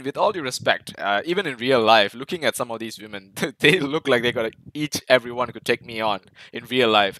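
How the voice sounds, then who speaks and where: A man's voice: medium pitch, pushed and bright, poor audio. A man giving an enthusiastic, casual film breakdown, full of fillers and restarts. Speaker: film reviewer. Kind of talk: casual movie breakdown commentary.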